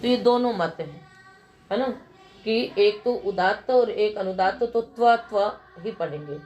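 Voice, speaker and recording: A woman's voice: medium pitch, darkish tone. Woman teaching grammar with quiz-style questions. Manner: asks questions and answers them herself; recites Sanskrit rules in a slow measured chant. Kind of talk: classroom lecture explaining grammar.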